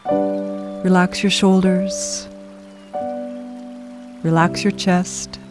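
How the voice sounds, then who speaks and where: A soft, soothing voice guiding a meditation in slow, measured phrases with long pauses between them. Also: mid-range voice, level tone, over music. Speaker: meditation guide. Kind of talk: guided meditation, scripted narration.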